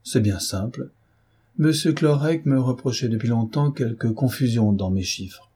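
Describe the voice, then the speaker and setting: A man voicing a phlegmatic, battered old clerk who speaks in a calm, detached way, in an audiobook reading. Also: mid-range voice, measured pace, husky. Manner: unruffled, detached. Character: phlegmatic one-eyed old clerk, deadpan.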